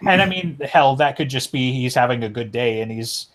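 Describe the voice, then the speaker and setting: A man's voice: mid-range voice, expressive, moderate pace. Rambling man chatting about a book. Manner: rambling, many fillers and restarts. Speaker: podcast co-host. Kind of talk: casual book discussion.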